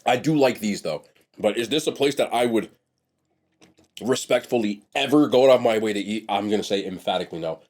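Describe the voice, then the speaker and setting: Brisk and lowish, with a slightly mellow quality, this young male vlogger's voice is stuffed up and nasal as he sniffles through a food review. It's a chatty, blunt mukbang where he keeps trailing off and beginning again.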